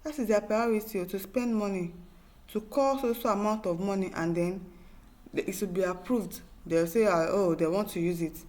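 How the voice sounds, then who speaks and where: Here a talk show host with a Nigerian accent reads viewer comments in a medium-pitched, darkish voice at normal speed. Her opinionated news commentary is delivered emphatically and with exasperation, packed with repetition and rhetorical questions.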